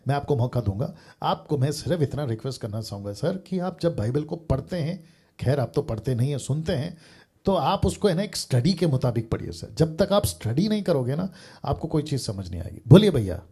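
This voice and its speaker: A man's voice: a little high, big pitch swings, a little fast, dark tone, breathy edge. Earnest man preaching to a caller. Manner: earnest, reasoning by everyday examples, repeats "sir". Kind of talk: live call-in Q&A.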